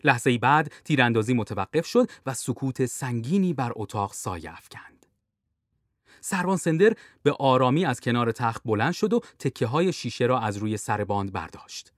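A man narrating a thriller audiobook in a lively, expressive way. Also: medium pitch, dry recording, clean studio sound.

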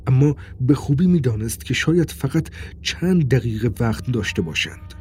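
A man narrating an audiobook in a steady, tense storytelling voice. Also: medium pitch, slight background noise. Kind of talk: scripted narration.

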